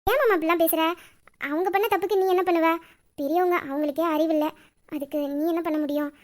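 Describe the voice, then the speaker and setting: Timid devoted village girl, voiced by a woman, very high, quick, hesitant. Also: steady tone. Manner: soft, pleading, hesitant.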